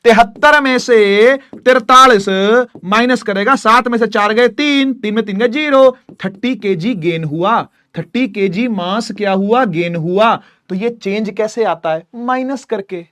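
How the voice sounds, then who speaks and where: A male physics teacher giving a lively classroom lecture, teasing and joking with his students and calling them by pet names. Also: sits high, measured pace, few pauses, dry recording, studio quality. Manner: playful, teasing, jokes with students; calls students "beta" affectionately.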